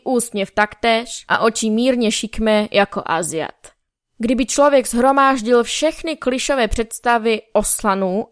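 A woman reading a novel aloud as first-person narrator, in a measured, wry storytelling manner, close to the mic. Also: fairly high pitch, dry recording. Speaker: audiobook narrator.

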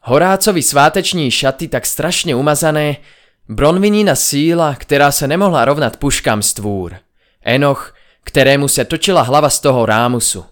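Expressive man narrating an audiobook. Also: a little high. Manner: dramatic, expressive. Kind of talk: first-person audiobook narration.

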